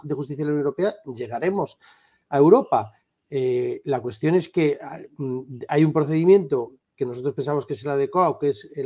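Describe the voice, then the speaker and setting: Husky man speaking firmly over a dull line. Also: mid-range voice. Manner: firm, emphatic, insistent. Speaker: lawyer for a civil rights association. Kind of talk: remote interview answers.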